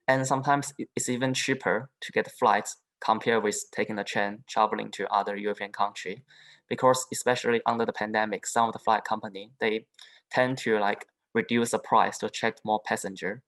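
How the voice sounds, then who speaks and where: A young man from southern China, a native Chinese speaker, giving a halting panel talk as an international student, with frequent restarts and fillers. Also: fairly low pitch, fairly even intonation, a bit bright, rough recording. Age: young adult. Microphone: video call.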